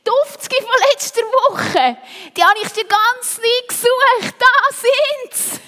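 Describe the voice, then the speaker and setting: A woman's voice: very high voice, slow pace, fairly bright tone, voice pushed up, full character voice. A woman voicing an eager young boy mouse in a storybook reading, bubbly and boastful. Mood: excited.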